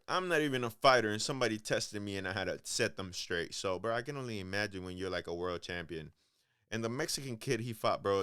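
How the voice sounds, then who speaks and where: A man's voice: on the low side, fairly bright tone, dry recording, clean studio sound. A man hosting a casual podcast monologue, rambling and profane, talking with many hesitations and calling listeners bro. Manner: loose, hesitant delivery with many ums. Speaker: podcast host.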